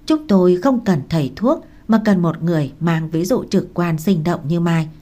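A woman reads a young male scholar from a storybook, a calm tutor with a firm, patient delivery. The voice stays low and mellow. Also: moderate pace, lightly acted. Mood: reassuring.

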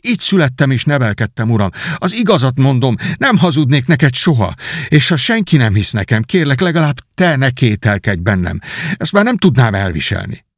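A man's voice: medium pitch, huge pitch swings, breathy edge, no room sound, clean studio sound, exaggerated voice. A man voicing a desperate young nobleman who pleads and argues in agitated outbursts. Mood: pleading.

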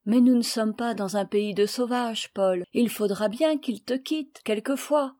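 A woman reading aloud, voicing a calm, sensible boy in a storybook. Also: fairly high pitch, measured pace, dry recording, studio quality, close to an everyday voice. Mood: reasonable.

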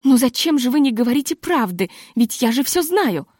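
A woman voicing a nervous, tall masked society lady who talks in a halting, hysterical, pleading way, read as an audiobook. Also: high voice, big pitch swings, a little mellow, husky, no room sound, studio quality, exaggerated voice. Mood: insistent.

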